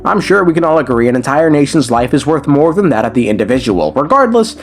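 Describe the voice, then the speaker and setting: A man talking through video game lore in a relaxed, conversational commentary. His pitch rises and falls expressively as he makes his points, and faint music plays in the background. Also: fast. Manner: conversational and animated, with slangy asides.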